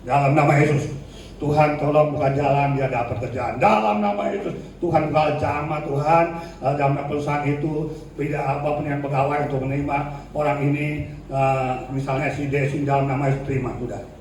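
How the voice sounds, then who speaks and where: A male pastor preaching in a lively, colloquial way, slipping into slang and acting out the people he quotes. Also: a little high, fairly quick. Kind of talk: sermon. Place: church hall. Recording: echoey church hall, distant mic, faint noise.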